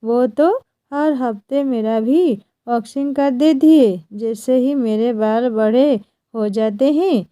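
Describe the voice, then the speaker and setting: A woman's voice: on the high side, slow, mellow, no room sound. A woman voicing a meek, put-upon young husband in a mild, pleading way.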